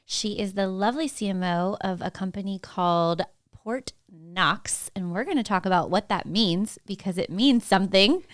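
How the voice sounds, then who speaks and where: A woman's voice: medium pitch, moderate pace, hardly any pauses, dry recording, clean studio sound. A woman hosting an interview podcast, upbeat and enthusiastic in casual chat. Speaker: podcast host.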